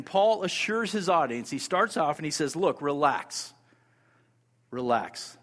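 A man delivering a sermon in a church sanctuary, his fairly high voice ringing out with a long reverb. He talks emphatically, repeats his key points and throws rhetorical questions at the congregation. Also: fairly bright tone. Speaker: pastor.

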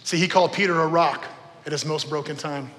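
A middle-aged preacher and former youth pastor gives an informal storytelling sermon at a church service in a large room, speaking conversationally and emphatically, repeating phrases and checking in with his listeners. His voice is fairly high and fairly bright, steady in tone and fairly quick. The hall sound is reverberant.

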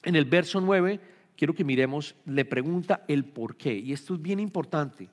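Earnest pastor preaching in a reverberant hall. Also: male voice, fairly high pitch, expressive, moderate pace. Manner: earnest, acts out quoted prayers, restarts words. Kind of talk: sermon.

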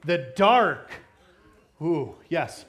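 A man's voice: on the high side, extremely slow. Upbeat man preaching to kids. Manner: energetic, playful, asks the kids questions. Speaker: children's pastor. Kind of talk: kids' sermon with audience interaction.

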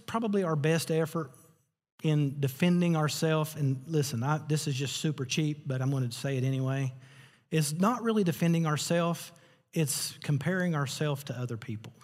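A male pastor with a fairly high voice delivers a sermon, trading quick jokes and his own laughter for rising, emphatic preaching. His voice rings out with a long reverb, as in a large hall.

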